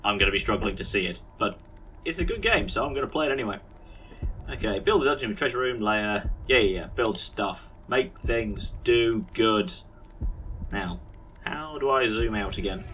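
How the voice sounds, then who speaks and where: A man's voice: on the low side, expressive, moderate pace, bright, forceful tone. A man with a British accent giving casual, sardonic, mock-grumpy gameplay commentary as a video host.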